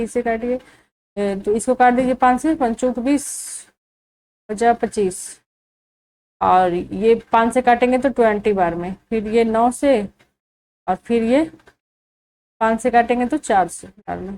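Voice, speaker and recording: A woman teaching a maths lesson, walking through each step slowly and answering her own questions. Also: fairly high pitch, a little mellow, rough recording. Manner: asks the viewer questions and answers them herself, slow and deliberate.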